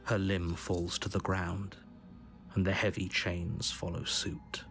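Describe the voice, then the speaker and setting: An actor playing a stern, disapproving narrator in a video game, telling the tale gravely with exasperation. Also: male voice, low voice, level tone, slow, a bit bright, faint music behind, exaggerated voice. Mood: reluctant, grave.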